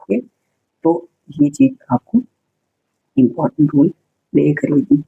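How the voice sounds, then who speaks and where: A man's voice: on the high side, big pitch swings, takes it slowly, creaky, narrow, tinny audio, slight background noise. A man teaching an exam-prep spelling lesson, repeating each word, spelling it out letter by letter and explaining its meaning to viewers.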